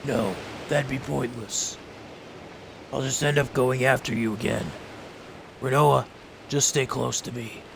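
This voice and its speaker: A man voicing a brooding young male mercenary hero in a gruff, gravelly put-on voice, terse and clipped, reading game dialogue aloud. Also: mid-range voice, steady tone, unhurried, pauses often, noisy background, voice pushed down. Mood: curt. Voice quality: gravelly, gruff Batman-style voice.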